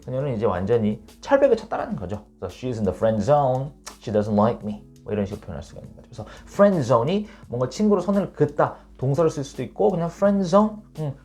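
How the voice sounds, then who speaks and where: A man teaching an online English lesson. He explains patiently and reads the English examples slowly and clearly. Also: medium pitch, darkish tone.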